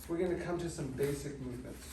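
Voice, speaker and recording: A middle-aged man giving measured, technical step-by-step exercise instruction in short phrases. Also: fairly high pitch. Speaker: movement class instructor. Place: large indoor studio with treatment tables. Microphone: far camera microphone. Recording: distant mic, very echoey, noisy room.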